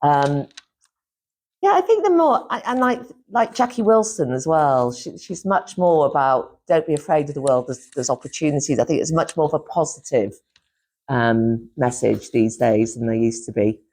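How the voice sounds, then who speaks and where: As an interview guest, a middle-aged woman from Yorkshire, England, who used to be a publisher and teacher, chats in a rambling way, laughing often and restarting her sentences. Her low-pitched voice has lively intonation, normal speed and a slightly mellow quality.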